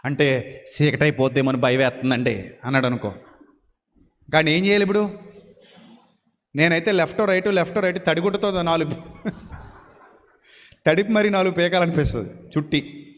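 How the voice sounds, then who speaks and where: A man preaching a sermon, swinging between loud proclaiming and low, mocking asides. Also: steady tone, moderate pace, pauses often, big-room sound. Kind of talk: Telugu sermon.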